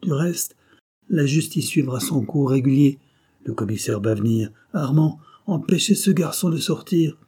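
A man's voice: medium pitch, expressive, a little slow, dark tone, slightly rough, pitched above the performer's own voice. A man voicing a composed, authoritative doctor. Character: calm authoritative older male doctor.

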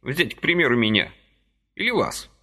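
A man voicing a frail, fussy old man who pleads gently and apologetically in a high, fluttering voice. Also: sing-song, normal speed, exaggerated voice.

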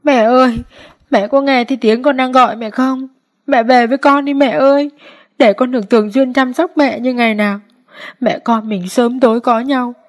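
A woman voicing a sarcastic younger daughter-in-law who mocks and loudly mourns in a spoken story. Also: on the high side, steady tone, normal speed, voice pushed up, close to an everyday voice. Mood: wailing. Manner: mocking, then wailing.

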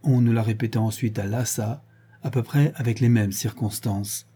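A man reading a nineteenth-century travel account aloud as an audiobook, in measured storytelling narration. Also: on the low side, fairly even intonation, mellow, breathy edge. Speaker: audiobook reader. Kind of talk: scripted narration.

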